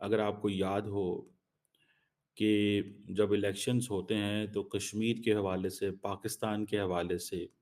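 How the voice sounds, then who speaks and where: A man giving political commentary in a halting way, mixing English phrases into his speech. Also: on the low side, little pitch movement, a little mellow.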